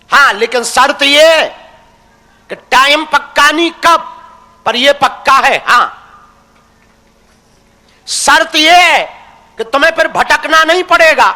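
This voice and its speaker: A man's voice: very high-pitched, bright, forceful tone. A young man preaching a devotional sermon, teasing and folksy, calling his listeners his crazy ones. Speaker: religious preacher. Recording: long hall reverb.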